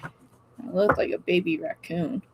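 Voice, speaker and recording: A woman's voice: fairly low pitch, steady tone, a little slow, very noisy. A woman hosting a live tarot stream, chatting casually, greeting viewers by name and laughing often. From Oregon.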